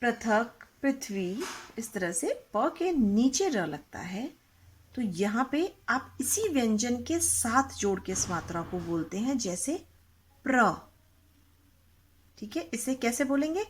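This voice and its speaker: A woman teaching young children how to read and write, explaining slowly and patiently, asking questions and repeating words for them to practice. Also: a little high, big pitch swings, a little hiss or hum. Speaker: Hindi teacher.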